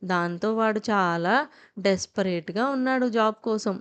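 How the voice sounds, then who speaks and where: A woman's voice: medium pitch, moderate pace, clear, resonant tone, natural voice. A woman voicing a boastful, joking young male college student with a cocky, playful manner.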